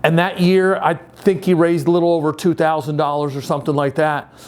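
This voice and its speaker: A man in his sixties giving a casual, upbeat youth-pastor style talk, conversational and halting, repeating phrases for emphasis. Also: a little high, little pitch movement, a little mellow. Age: 60s. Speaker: youth group leader.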